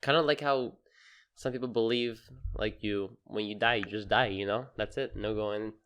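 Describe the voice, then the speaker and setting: A man's voice: on the low side, fairly even intonation, moderate pace, fairly bright tone, clean tone. A young man co-hosting a casual podcast chat, speaking hesitantly and laughing often. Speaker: podcast co-host.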